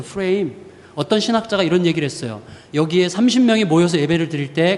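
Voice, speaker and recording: A man's voice: high voice, in a large hall. A man in his forties preaching a sermon as a pastor, telling stories with acted-out quotes and humorous asides. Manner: storytelling with lively acted-out quotes; self-described short-tempered, humorous asides. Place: church sanctuary.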